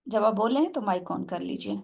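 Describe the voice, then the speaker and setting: A woman's voice: mid-range voice, lively intonation, vocal fry, darkish tone. A woman teaching tajweed in an online class, explaining step by step and asking her students questions. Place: online video call class.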